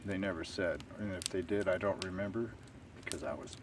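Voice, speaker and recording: A man telling a long story to camera in a rambling, unhurried way, full of fillers. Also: sits low. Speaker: stealth camping vlogger. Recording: distant outdoor camera audio with faint ambient noise.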